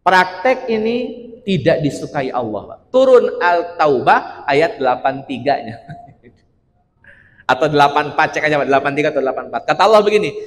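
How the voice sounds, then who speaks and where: A man preaches in a high, bright register. His talk is chatty and full of jokes, and he turns to the congregation again and again. The voice rings on with the long reverb of a big mosque hall. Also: sing-song, normal speed. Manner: chatty, joking, keeps addressing listeners as "Pak". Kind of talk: conversational religious lecture.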